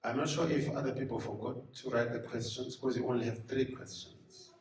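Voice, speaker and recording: A man making announcements in church, pausing and searching for his words. He is heard from a distance in a reverberant hall. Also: medium pitch, fairly even intonation, a little mellow. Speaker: program host. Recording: echoey hall, mic from a distance.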